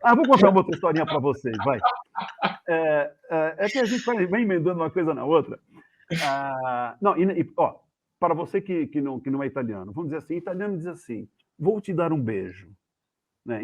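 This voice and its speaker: A man with a Brazilian accent, a guest journalist, telling anecdotes in a casual, animated way and acting out the voices of the people in them. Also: a little high, quick pace. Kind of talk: casual storytelling. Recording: tinny phone-like video call audio.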